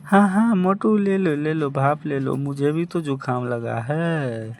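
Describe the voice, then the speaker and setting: A worried, sensible thin cartoon sidekick, voiced by a man in an amateur dub. His voice sits a little high, and he speaks slowly and keeps repeating his cautions. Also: a little mellow. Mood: warning. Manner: repeating warnings.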